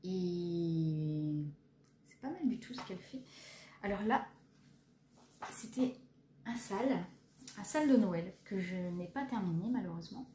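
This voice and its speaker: A woman in her thirties from France casually shows her cross-stitch pieces, talking chattily and hesitantly with many fillers and self-deprecating remarks. Her voice is fairly low and dark in tone, animated but measured, with frequent pauses. The room echoes and there's faint background noise.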